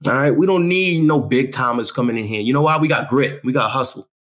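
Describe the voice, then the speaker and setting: A young man from New York hosting a talk show, ranting about his basketball team in an animated, boastful way with lots of street slang. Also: medium pitch, a little fast. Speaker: show host. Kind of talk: hyped sports talk monologue.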